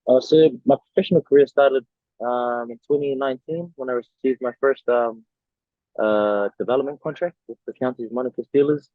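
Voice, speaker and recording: A man's voice: mid-range voice, moderate pace, no echo. A young man from New Zealand, a rugby player answering interview questions casually with lots of fillers over a video call. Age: young adult. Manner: relaxed, many fillers and restarts. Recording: dry tinny video call audio.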